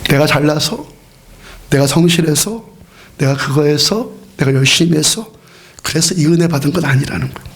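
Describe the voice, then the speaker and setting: A man preaching a sermon as pastor, leading the congregation in repeated responses and moving between hushed, whispered lines and loud, fervent preaching. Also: fairly high pitch, lively intonation, moderate pace.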